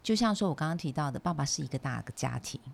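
A woman's voice: low-pitched, lively intonation, racing, vocal fry. A woman in a podcast discussion, speaking in casual chat, thoughtful and drawing on examples from her own life.

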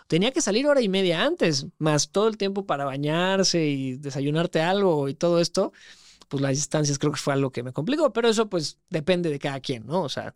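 A man with a Mexican accent and a slightly high voice talks easily and uses plenty of slang. His podcast mic is close and the sound is dry. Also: dry recording. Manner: relaxed, slangy, conversational. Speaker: podcast host. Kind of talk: casual podcast conversation.

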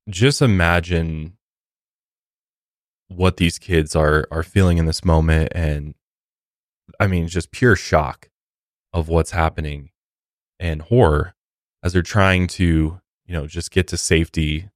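An American true crime podcast host with an extremely low voice is captured in studio quality with no echo. He blends scripted storytelling and casual commentary in a somber tone, with faint music behind him.

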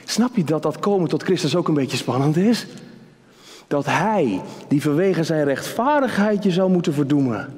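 Male preacher, fervent sermon delivery, moving between whispers and high urgent calls, somewhat high voice, long hall reverb. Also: animated, moderate pace. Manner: impassioned, swings from hushed whispers to high calls.

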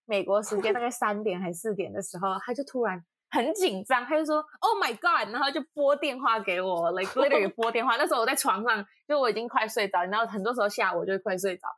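A young woman with a Taiwanese Mandarin accent, co-hosting a podcast, telling stories in an animated, exasperated way with lots of laughter. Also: a little high, fast talker, hardly any pauses, no room sound, studio quality. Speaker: podcast co-host. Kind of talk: casual chat.

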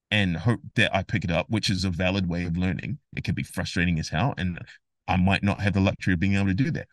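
A man guest on a casual interview podcast, explaining music theory in an animated, emphatic way and acting out imagined conversations. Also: lowish voice, no echo.

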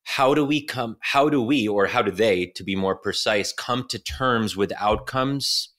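A man from the United States, a guest author, giving thoughtful, measured answers in an interview. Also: lowish voice, a bit bright.

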